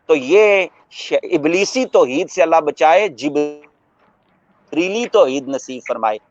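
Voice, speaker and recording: A man giving a religious talk as a scholar, preaching in a measured way, quoting Arabic verses and explaining them with everyday examples. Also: on the high side, animated. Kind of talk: religious talk on a radio broadcast. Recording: muffled radio broadcast audio.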